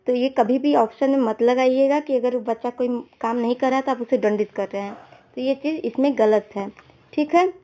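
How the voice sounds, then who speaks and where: High-pitched woman walking students through exam answers, lots of "ok?" check-ins. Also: warm tone. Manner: repeats "theek hai" to check understanding; talks through options aloud with everyday examples. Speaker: exam prep teacher. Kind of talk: explaining exam questions.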